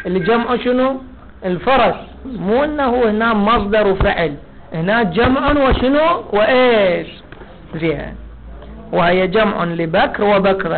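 High-voiced Iraqi man teaching over a tinny line. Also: creaky, a little hiss or hum. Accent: Iraqi Arabic. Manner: asks the class questions and answers them himself; drawn-out stress on key words. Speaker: religious law teacher. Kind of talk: seminary lecture explaining a legal text. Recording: tinny phone-like lecture recording.

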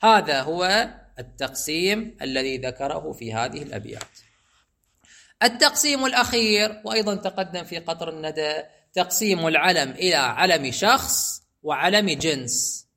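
A man teaching a grammar lesson, explaining step by step and repeating examples slowly. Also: fairly high pitch, lively intonation, pushed and bright.

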